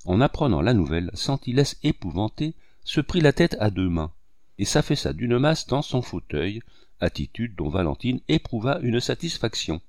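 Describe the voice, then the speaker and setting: Male audiobook narrator, literary, expressive, low voice with a lively lilt, dry. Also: moderate pace, dry recording.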